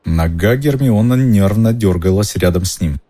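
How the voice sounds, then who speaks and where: A man narrating an audiobook in an expressive storytelling manner. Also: on the low side, normal speed.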